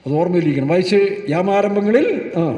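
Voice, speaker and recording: A man preaches in a scolding tone, firing rhetorical questions at his congregation. His voice sits high for a man. He is recorded from a distance in a church hall with a long, roomy echo. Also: a little fast, dark tone. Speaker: pastor. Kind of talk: sermon. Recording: echoey hall, mic far off.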